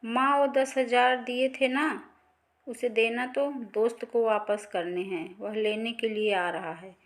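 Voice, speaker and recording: A woman's voice: a little high, steady tone, slow. A woman storyteller voicing a worried grown son who presses his mother about lost money. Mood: urgent.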